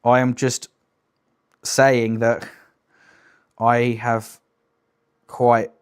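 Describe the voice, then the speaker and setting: A man's voice: mid-range voice, little pitch movement, very slow, smooth. British man, young adult, livestream commentary, emphatic, incredulous, profane. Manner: sweary, blunt, incredulous, emphatic. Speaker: live streamer commenting on clips. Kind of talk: casual livestream reaction commentary.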